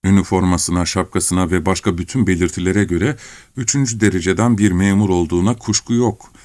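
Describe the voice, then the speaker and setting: A man reading a story aloud as narrator, in a measured, unhurried way with deliberate pauses. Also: sits low, fairly even intonation, darkish tone, no echo. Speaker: audiobook narrator.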